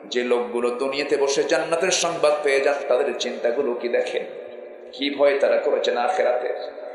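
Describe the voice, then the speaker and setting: A man preaching a waz sermon. He tells stories, swings from soft narration to high, rising exhortation, and puts questions to the crowd. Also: fairly even intonation, brisk, heavy reverb, in a large hall. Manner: addresses the crowd directly with rhetorical questions. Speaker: Islamic preacher. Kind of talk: Bengali waz sermon with storytelling.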